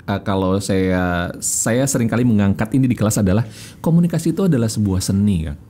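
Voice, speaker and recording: A man talks as a guest coach on a podcast, animated and expressive, acting out small examples as he explains. His voice is mellow and a little husky, with a lively pitch. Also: a little fast. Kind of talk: casual interview chat.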